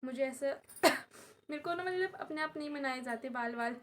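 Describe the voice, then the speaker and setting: Young female vlogger, high voice, chatty and repetitive, unwell and in pain, faint background hiss. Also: normal speed. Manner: chatty, repeats herself, addresses viewers as guys. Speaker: vlogger and tuition teacher. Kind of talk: casual vlog talk to camera. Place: at home while her mother does her hair.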